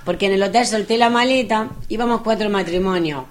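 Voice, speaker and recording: A middle-aged woman, telling funny travel anecdotes in casual chat, animated and chatty. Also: mid-range voice, fairly quick. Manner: lively, animated anecdotes with acted quotes. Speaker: guest telling travel stories.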